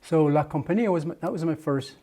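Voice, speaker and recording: A man's voice: fairly high pitch, fast, mellow. An older man from Jamaica, a muralist, recalling his past at length in an oral history interview, with many restarts and fillers.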